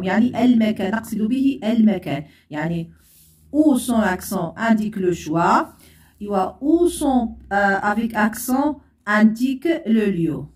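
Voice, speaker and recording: A woman teaching French grammar in a bilingual lesson, speaking slowly and repeating words and spelled letters aloud. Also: on the high side, a little mellow, roomy sound, far from the mic.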